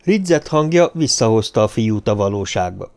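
A man's voice: fairly low pitch, lively intonation, creaky, a little mellow. Man reading an audiobook steadily. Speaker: audiobook narrator. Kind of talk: scripted narration.

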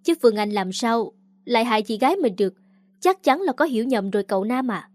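Woman reading anxious mother, worried, pleading, high-ish voice, dry sound. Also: expressive, fairly quick, darkish tone, dry recording, lightly acted. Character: anxious middle-aged mother.

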